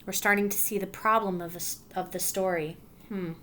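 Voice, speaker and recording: A female teacher reads a picture book to her students in a mid-range voice with fairly even intonation. Warm and encouraging, she pauses to explain things and check comprehension, and there is slight noise in the background.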